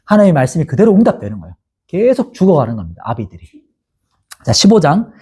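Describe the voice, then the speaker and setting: Korean pastor guy teaching bible, husky mellow voice, keeps asking the class stuff then answering it himself. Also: on the high side, wildly swooping pitch, fast. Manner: asks the class questions and answers them himself, acting out quoted voices. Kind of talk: Bible lecture.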